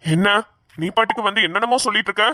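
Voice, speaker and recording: A woman's voice: mid-range voice, very fast, sharp tone, no echo, studio quality, close to an everyday voice. A woman voicing a stern, stubborn father in a cartoon, who scolds and gives orders. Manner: scolding, bossy. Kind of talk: Tamil cartoon voice acting.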